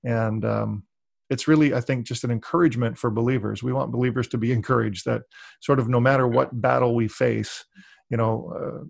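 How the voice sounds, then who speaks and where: A male interview host with a gravelly, fry-edged voice, recorded dry and close. He rambles warmly through his questions, with lots of fillers and restarts. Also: medium pitch, steady tone, a little fast, no echo. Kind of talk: casual interview conversation.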